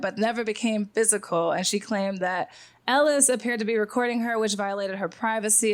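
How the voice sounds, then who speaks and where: A woman co-hosting a podcast, chatting casually about pop culture news in an informal, slangy, giggly way. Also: medium pitch. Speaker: podcast co-host.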